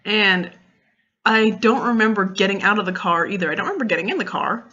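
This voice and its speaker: A young woman vlogger retells a story in a lively, casual way, packed with fillers and quoted dialogue. Her medium-pitched voice moves fairly quickly, and the audio sounds dull.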